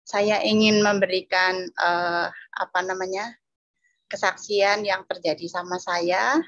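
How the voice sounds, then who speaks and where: A woman giving a personal testimony at a church women's meeting, telling it plainly with many pauses and fillers. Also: mid-range voice, steady tone, fairly bright tone, no room sound. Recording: dull, dry, lo-fi sound.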